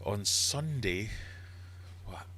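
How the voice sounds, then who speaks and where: A middle-aged man from Glasgow, Scotland, with a Glaswegian accent, hosts a livestream as a quizmaster, chatting casually and ramblingly while reading viewer comments. His voice is on the low side, sharp-toned and animated, and extremely slow.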